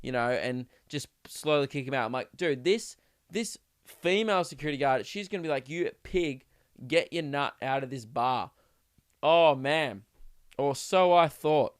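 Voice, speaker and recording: Animated Aussie bloke telling a story. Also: male voice, a little high, measured pace, clean tone, no echo, clean studio sound. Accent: Australian. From Melbourne, Australia. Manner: animated, laughing at his own story, slangy. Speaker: podcast host, comedian. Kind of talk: comic storytelling monologue.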